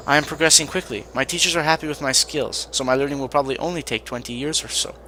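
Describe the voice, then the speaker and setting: A man's voice: a little high, fast talker, sharp tone, a little hiss or hum, rough recording. A man voicing a young male Vahnatai apprentice mage who speaks stiffly and formally.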